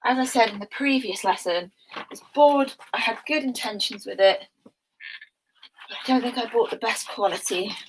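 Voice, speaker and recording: A woman's voice: a little high, normal speed, background noise. Chatty woman teaching history. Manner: chatty and informal, with asides and filler words. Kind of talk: casual recorded history lesson.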